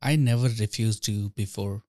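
A man's voice: fairly low pitch, fairly even intonation, normal speed, dark tone, no echo, natural voice. Guy playing a fed-up court storyteller, indignant, kinda raised voice, dry room. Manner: indignant, exasperated. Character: proud, anxious male court storyteller, indignant. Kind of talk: storybook reading.

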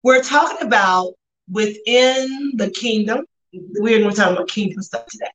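A woman's voice: medium pitch, normal speed, a little hiss or hum, low-quality recording. A woman co-hosting a faith talk show, speaking casually with slang and repeating phrases for emphasis. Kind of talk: casual conversational religious discussion.

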